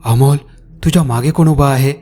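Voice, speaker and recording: An alarmed friend on the phone, as a male storyteller puts him on. He shouts urgent warnings, and the tone stays low and mellow. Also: moderate pace, soft background music, close to an everyday voice.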